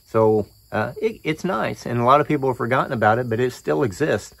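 This gravelly, expressive voice is medium in pitch and fairly quick, captured in a dry recording. It belongs to a middle-aged American hobbyist doing a casual, plain-spoken show-and-tell in a yard and on a roof, with insects buzzing around him.

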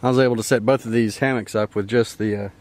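A man's voice: lowish voice, fairly even intonation, fast talker. Laid-back man at a camp. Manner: laid-back, rambling, chuckling often. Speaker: camping vlogger. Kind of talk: casual outdoor camp tour. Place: wooded riverside campsite outdoors. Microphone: handheld camera mic. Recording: faint outdoor noise.

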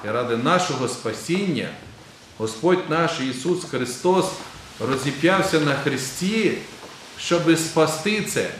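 A man, an Orthodox metropolitan, preaching a sermon in a large church and quizzing the congregation in a conversational way. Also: on the high side. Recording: very echoey church with faint ambient noise.

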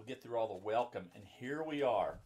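A pastor and children's book author in his 50s reads a children's story in a book-lined room at home or an office, explaining things simply for young listeners with chatty asides. His mid-range voice is a bit mellow and slightly rough, with lively intonation and a somewhat fast pace.

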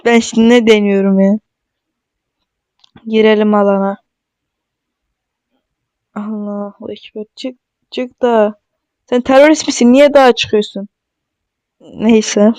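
A man chats excitedly over his own gameplay, joking and addressing viewers directly. His voice sits high and smooth. It is recorded close and dry, with no room sound. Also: unhurried, pauses often, no room sound. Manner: chatty and excitable, jokes and talks straight to viewers. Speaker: mobile gaming streamer. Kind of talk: casual gameplay commentary.

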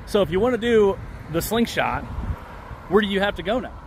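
Filming himself on a handheld camera in selfie view, a man in his thirties vlogs a walking tour of a busy city street, pointing things out and thinking aloud. He sounds animated, his voice sits high, and he talks a little fast over faint traffic.

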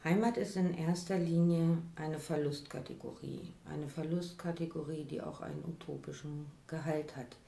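A woman speaking as an academic expert, commenting in a measured, academic way. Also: low-pitched, steady tone, gravelly, warm tone, reverberant.

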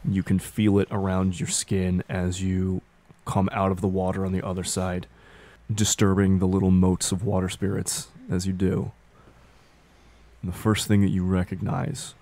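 A man narrating a tabletop role-playing game as game master, with deliberate, dramatic phrasing. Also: deep voice, monotone, warm tone.

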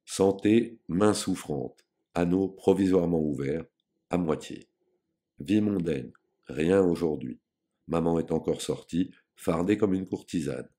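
A man's voice: low voice, a little slow, warm tone. A man reading an audiobook, voicing a pompous, self-important grown man with a grandiloquent, lofty and scornful manner.

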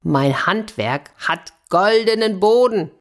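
A woman's voice: mid-range voice, lively intonation, takes it slowly, pitched above the performer's own voice. A woman voicing a boastful, cheerful male scissor grinder in a children's fairy tale reading, jovial and coaxing.

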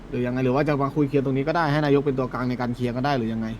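Man as game-server mediator, formal and measured, rattles off options rapidly. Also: mid-range voice, fairly even intonation, darkish tone, slight background noise. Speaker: mediator in a roleplay server dispute. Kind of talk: game voice chat roleplay.

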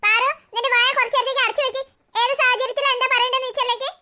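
A woman's voice: very high-pitched, fairly even intonation, rapid-fire, bright, forceful tone. A woman voicing a scolding cartoon mom. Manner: scolding, fretful. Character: bossy cartoon mother scolding her kids.

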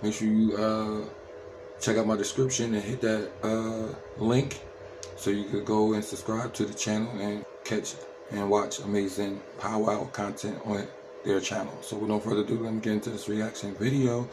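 Low-voiced American man, casual and slangy. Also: little pitch movement, moderate pace, noisy background. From Trenton, New Jersey, USA. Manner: slangy, repetitive tag questions. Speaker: reaction video host. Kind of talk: casual reaction commentary.

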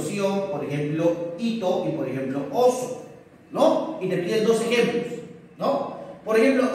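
A man's voice: high-pitched, a little hiss or hum. A young man teaching a lesson at a whiteboard for distance learning, asking questions in a student's voice and answering them himself with tag questions. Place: room with a whiteboard, indoors. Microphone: camera across the room. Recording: very echoey room, voice from far off.

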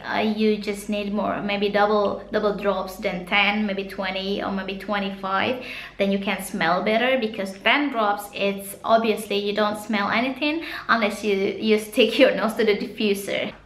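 In an echoey small room indoors, a Sundanese-speaking Indonesian woman in her thirties vlogs a casual haul with an Indonesian accent. Her voice is medium-pitched and fairly bright. She's chatty, laughing frequently and gushing about products.

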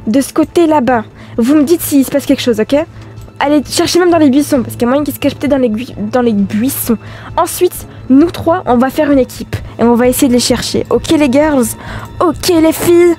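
A woman's voice: sits high, brisk, dark tone, soft background music. A young woman hosting a game role-play video, giving bossy, theatrical commands to her group. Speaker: gaming video host.

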